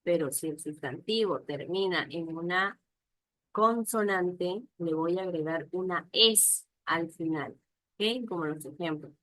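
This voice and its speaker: A woman's voice: on the low side, a little slow, fairly bright tone, no echo, rough recording. A woman teaching an online class, patiently repeating examples and checking whether her students follow.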